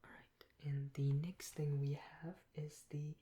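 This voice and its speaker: Low, hushed woman in a whispered role-play. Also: level tone. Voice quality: soft-spoken, breathy, often whispered. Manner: gentle, unhurried customer-service talk with pauses. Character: helpful, patient female librarian serving a patron. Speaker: ASMR performer playing a librarian. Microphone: close binaural microphone. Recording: close binaural mic with clear hiss.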